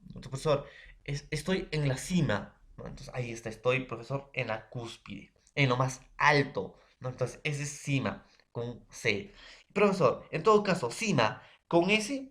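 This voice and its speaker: A man, from Peru, presenting a lesson in class in a halting way, stopping often to address the teacher and classmates and to check they follow. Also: medium pitch. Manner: keeps addressing teacher and classmates between phrases; halting, many fillers and checks for understanding.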